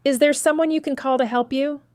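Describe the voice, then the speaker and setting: A woman voicing a calm, considerate male sheriff in a small town, speaking in a measured way, in an audiobook. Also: high-pitched, no echo, clean studio sound, pitched above the performer's own voice, natural voice.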